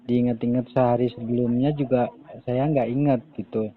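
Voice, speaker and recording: A man, a bank customer talking casually on speakerphone in a halting, hesitant way. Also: medium pitch, fairly even intonation. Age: 40s. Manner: hesitant, halting with many pauses. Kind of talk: casual phone conversation. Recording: tinny phone line.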